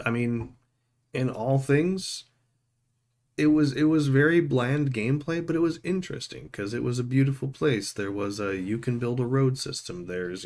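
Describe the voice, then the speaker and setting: A man giving a casual, unscripted video game review, rambling conversationally with informal, tongue-in-cheek humor and pausing to find his words. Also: lowish voice.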